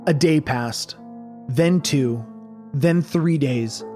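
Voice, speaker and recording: A man's voice: on the high side, a little mellow. Man narrating true crime over music. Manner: measured, dramatic pauses.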